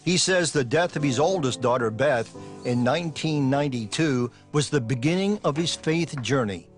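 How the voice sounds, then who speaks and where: A man of middle pitch narrates a news feature with an even, polished delivery. Soft music plays faintly underneath. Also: moderate pace. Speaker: TV reporter.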